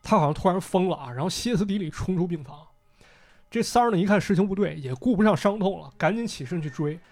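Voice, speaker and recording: A man's voice: high voice, expressive, quick pace. A man hosting a podcast, casually retelling a story and voicing the characters' lines as he goes. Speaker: podcast host.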